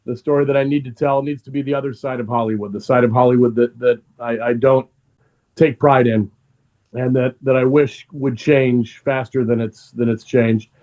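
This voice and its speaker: Earnest man in middle pitch, thinking aloud. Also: steady tone, dull audio. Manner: measured, restarts often, earnest. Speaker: filmmaker guest. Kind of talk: reflective interview answers.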